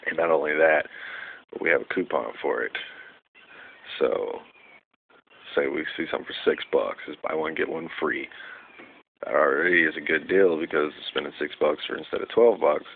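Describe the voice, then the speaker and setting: A man's voice: very deep voice, normal speed, vocal fry, pauses often. A young man rambling casually in a vlog, full of fillers and losing his train of thought. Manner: rambling, loses track, many fillers. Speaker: vlogger. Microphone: phone. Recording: tinny phone recording with faint noise.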